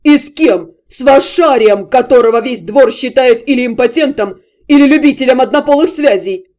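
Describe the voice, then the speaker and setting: A woman voicing a loud, indignant young nobleman in an audiobook, whining and protesting. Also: high voice, normal speed, lightly acted. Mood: outraged, whiny. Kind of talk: audiobook character reading.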